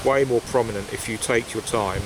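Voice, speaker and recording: A pipe-smoking vlogger talks fairly quickly in a medium-pitched voice with fairly even intonation. Out in the woods he chats in a casual, reflective way, hesitating and meandering. His basic equipment catches the wind, and leaves rustle in the background.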